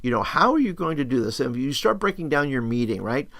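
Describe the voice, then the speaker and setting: An upbeat man with a youth pastor's conversational way of teaching. His voice sits at a medium pitch in a dry recording. He works through ideas aloud, posing questions and checking in as he goes. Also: big pitch swings, quick pace, gravelly, a bit bright, dry recording. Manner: thinks aloud, asks and answers own questions, often adds "right?". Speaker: youth ministry teacher and video host. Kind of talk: casual instructional screencast talk.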